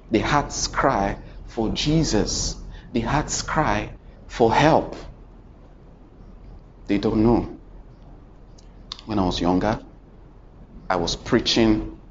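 A man preaching a sermon, dramatic, swinging between loud and hushed and asking the congregation questions. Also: fairly low pitch, a little hiss or hum. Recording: muffled recording with faint ambience.

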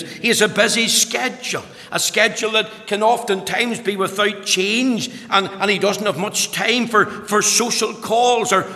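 A man's voice: sits high, pushed and bright. A man with a Northern Irish accent preaching an evangelical sermon in an emphatic way, repeating phrases for weight. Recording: echoey hall with long reverb.

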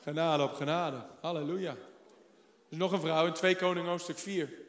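A high-pitched man delivers a fervent sermon as a pastor, pushing toward loud, emphatic declarations. His voice rings through a roomy hall with a long, trailing reverb. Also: fairly even intonation, fairly quick. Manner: fervent preaching with rising exclamations.

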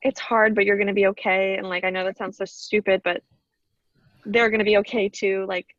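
A woman's voice: medium pitch, little pitch movement, fairly quick, fairly bright tone, dry recording, lo-fi sound. A woman chatting as a podcast guest, bubbly and talkative with lots of fillers. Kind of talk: casual interview chat.

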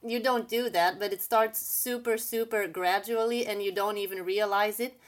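A woman's voice: mid-range voice, steady tone, moderate pace. A woman, an English speaker telling her own story candidly and casually as an interview guest. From Belgium. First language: not English. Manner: candid, casual, many "like" fillers. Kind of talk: personal storytelling.

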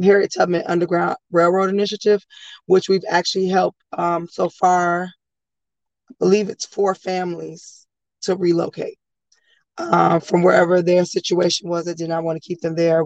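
An American woman from the Chicago area with a slightly hoarse voice, answering as a guest speaker and advocate in a conversational interview. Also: on the low side, darkish tone, no room sound, muffled recording. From Chicago area, United States. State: a little hoarse.

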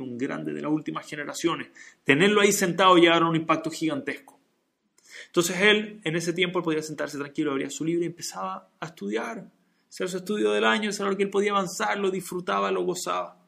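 Male Torah teacher, somewhat high, gravelly voice, lively storytelling. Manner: animated, acts out dialogue in story. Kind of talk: religious lesson with storytelling.

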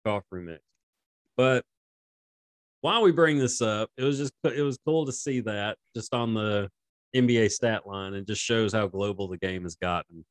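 A man with a lowish voice co-hosts a sports podcast in casual chat. He laughs a lot and breaks off his own sentences. The sound is dry and close to the mic. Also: moderate pace, no room sound. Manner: laughs often, rambling and self-interrupting. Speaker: podcast co-host.

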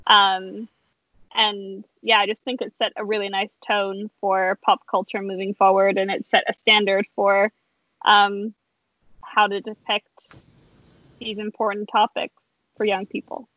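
A woman's voice: medium pitch, level tone, unhurried, a bit bright, no room sound. Earnest woman, dull dry recording. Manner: earnest, thoughtful, with frequent "um"s. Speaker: podcast guest. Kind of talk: casual chat.

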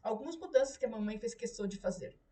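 Brief: young sister, gentle but sly, read by a woman, high voice, distant mic. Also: lively intonation, quick pace, natural voice.

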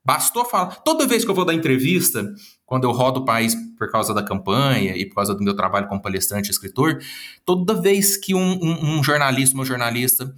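A guest psychologist and speaker from Minas Gerais, Brazil, with the region's Brazilian Portuguese accent, replies to interview questions in an earnest, lecture-style way, listing many words in a row. He talks a little fast in an expressive, mid-range voice with a fairly bright tone.

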